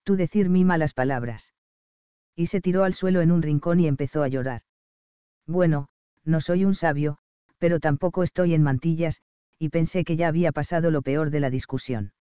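A man narrating an audiobook in a measured, expressive storytelling manner. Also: fairly high pitch, smooth, no echo, highs cut off.

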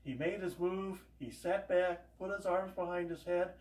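An older man with a high-pitched yet darkish voice speaks at a measured pace and steady tone, telling rambling homespun stories while he cooks. He's a home cooking vlogger in a casual demonstration, filmed by a camera across the room, and the echoey kitchen makes him sound distant.

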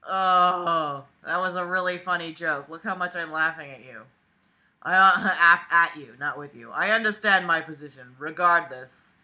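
Her voice runs low, pushed and bright. The twentysomething woman is indoors lying on a bed in a small bedroom, reading something aloud to mock it and interrupting herself with exasperated, sarcastic, casually profane commentary.

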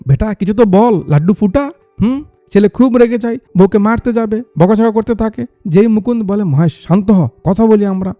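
High, dark-toned male movie recap narrator. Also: no room sound. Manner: voices every character's lines himself.

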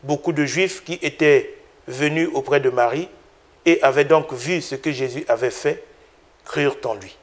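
A male preacher reading scripture and then explaining it in a homily, deliberate and careful, sometimes restarting words. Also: on the high side. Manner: deliberate, with restarts and filler sounds.

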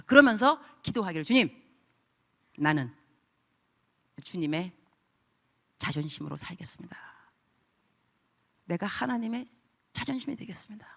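A middle-aged woman pastor preaching a sermon, telling a story with lively acted-out voices and sudden outbursts. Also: a little high. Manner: animated storytelling, acting out voices.

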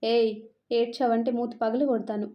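A woman's voice: fairly high pitch, little pitch movement, normal speed, lightly acted. A woman voicing a stern, possessive young husband with a harsh, demanding way of talking. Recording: dull lo-fi narration recording.

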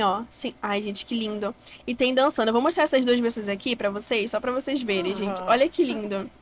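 A Brazilian woman gushing excitedly as she shows off game mods, in casual gameplay commentary. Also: a little high. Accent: Brazilian Portuguese. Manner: gushing, excitable, says "gente" constantly. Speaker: gaming YouTuber.

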